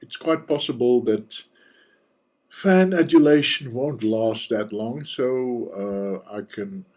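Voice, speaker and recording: Slow, husky man demoing software. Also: medium pitch. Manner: relaxed, joking asides, thinking aloud. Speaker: software reviewer and channel host. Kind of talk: casual screencast walkthrough.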